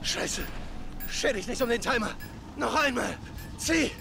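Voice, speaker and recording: An actor playing a wounded soldier in a military shooter game, speaking in urgent, strained pain from a broken bone. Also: male voice, extremely high pitch, expressive, a little slow, vocal fry, full character voice. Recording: game music and effects behind.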